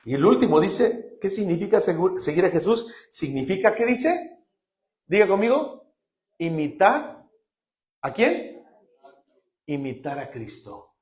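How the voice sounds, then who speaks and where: A man's voice: sits high, sing-song, a little slow, long pauses, a little mellow. A man preaching a Bible-study sermon as pastor, emphatic and calling for answers from the congregation. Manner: call-and-response preaching, emphatic. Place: church hall. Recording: echoey church hall.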